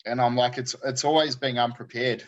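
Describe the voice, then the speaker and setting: A man's voice: medium pitch, steady tone, a little fast, lo-fi sound. A man, coaching a group in casual, laid-back chat full of matey slang. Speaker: fitness coach hosting a group check-in.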